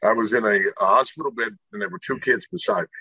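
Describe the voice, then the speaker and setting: A man's voice: lowish voice, lively intonation, quick pace, sharp tone, slightly rough, dry recording, dull audio. A middle-aged man from Indiana, a guest telling his life story earnestly and acting out the people in it. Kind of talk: personal storytelling in an interview.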